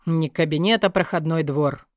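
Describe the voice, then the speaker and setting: A tired, stern young king speaks in a low, clipped voice, pressing short questions and orders. A woman narrator puts him on, dropping her voice. The recording is close and dry, with no room sound. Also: normal speed, no echo, lightly acted. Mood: weary.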